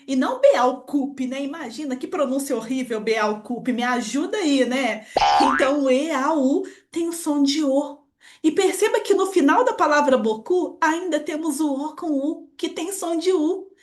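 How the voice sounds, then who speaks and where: A woman's voice: high-pitched, normal speed. A woman teaching a French lesson online, upbeat and encouraging, talking straight to the viewer. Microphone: computer screen recording voice-over.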